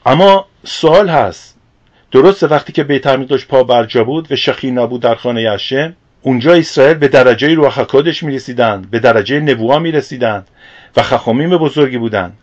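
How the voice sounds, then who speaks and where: A man, a religious teacher, preaching a sermon in an earnest, explanatory way and posing rhetorical questions. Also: mid-range voice. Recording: dull lo-fi recording.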